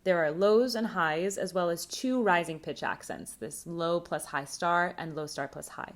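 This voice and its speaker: A woman presenting a recorded academic conference talk on linguistics, explaining terms in a clear, measured way. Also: fairly low pitch.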